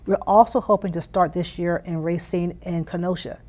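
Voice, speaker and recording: Speaking at a moderate pace in a steady, slightly mellow, lowish voice, this American interview guest runs a youth STEM program. The Philadelphia native answers conversationally, earnest and emphatic, frequently repeating phrases to drive her points home.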